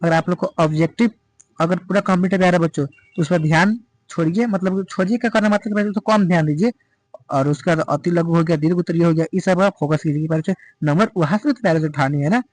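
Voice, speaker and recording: A man's voice: on the high side, quick pace, no room sound, poor audio. A male teacher giving an exam-prep lecture, urging students and calling them dear children in nearly every sentence.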